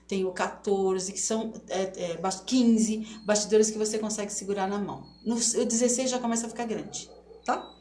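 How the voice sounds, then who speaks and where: A woman's voice: mid-range voice, darkish tone. A middle-aged woman teaching embroidery stitches in a live online class, explaining step by step and often checking that viewers follow. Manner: chatty, explains step by step with many checks like "tá certo?". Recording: roomy echo, faint noise.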